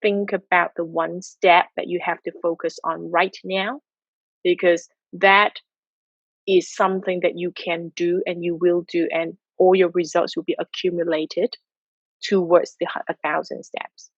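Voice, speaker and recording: A woman's voice: fairly low pitch, little pitch movement, unhurried, no echo, highs cut off. A woman from Malaysia speaking as a guest on a video call, giving earnest, motivational answers about mindset and habits. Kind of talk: online talk answering questions. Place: home in Tokyo.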